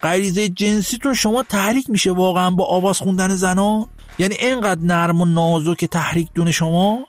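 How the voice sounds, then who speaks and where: A man's voice: high voice, fairly even intonation, faint music behind. A man hosting a satirical commentary show, mocking and scolding the clips he plays, sometimes laughing or singing a line. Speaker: host. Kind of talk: sarcastic political commentary.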